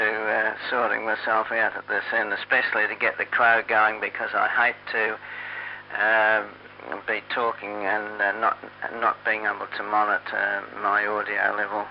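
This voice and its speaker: A man with a low, very flat voice talks haltingly over amateur radio. His phrases come in hesitant pieces with long gaps, as casual on-air operator chat. The sound is dull and lo-fi, like a radio transmission. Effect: heard over amateur radio transmission. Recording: dull lo-fi radio, hum and hiss.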